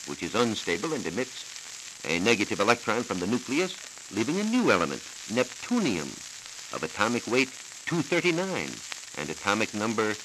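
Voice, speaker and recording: A mid-range American male voice, belonging to a science reporter, reads scripted explanations with formal, measured, lecturing care on 1940s educational radio. He records in a radio studio, and the hissy old transcription disc carries the result.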